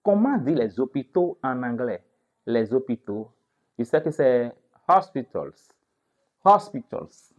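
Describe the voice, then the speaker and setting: A man's voice: mid-range voice, animated, unhurried, darkish tone, muffled recording. A man teaching a vocabulary lesson. He asks the class questions, answers them himself, and repeats each word several times so listeners can drill it. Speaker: English teacher.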